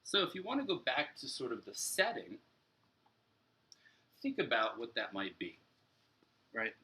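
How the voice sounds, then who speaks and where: A young adult man acting as an elementary teacher speaks directly to young pupils from a room at home, giving a read-aloud and story structure lesson. His mid-range voice is sharp in tone, slightly slow, and swoops wildly in pitch.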